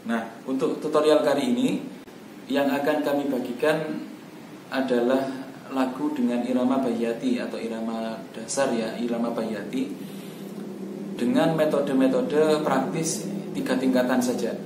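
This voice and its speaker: A man's voice: mid-range voice, steady tone, unhurried, pauses often. A man teaching Quran recitation, explaining in a patient instructional way. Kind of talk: instructional talk. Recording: roomy echo, distant mic, faint background noise.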